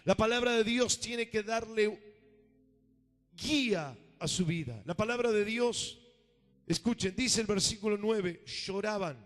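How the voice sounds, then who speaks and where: A man, a pastor preaching a sermon with emphasis, calling for amens and swinging between loud and hushed delivery. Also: high-pitched, a little slow, soft background music. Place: church sanctuary. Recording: reverberant church hall.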